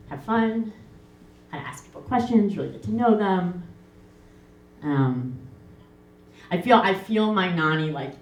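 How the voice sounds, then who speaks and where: A woman's voice: low-pitched, slight background noise. A young woman performing a comic monologue in a stage musical, chatty and self-mocking, full of fillers. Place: theater stage, live. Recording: roomy stage with faint music.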